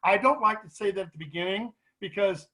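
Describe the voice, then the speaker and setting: Middle-aged guy, pretty high voice, chatty and animated, lots of stops and restarts, talking to a support group. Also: poor audio. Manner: animated, halting, many restarts. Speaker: guest speaker at a grief support meeting. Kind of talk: casual storytelling to a group.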